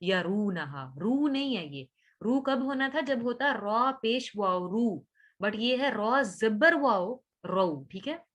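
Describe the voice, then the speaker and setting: A woman teaching Quran recitation in an online lesson. She patiently corrects pronunciation sound by sound, drawing out recited words slowly before explaining them. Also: a little high, lively intonation, a bit bright.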